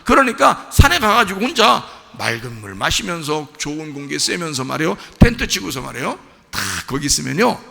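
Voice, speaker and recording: A male pastor preaching a sermon in a church, emphatic, swinging between shouting and soft asides. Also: fairly high pitch, sing-song, brisk, creaky, big-room sound.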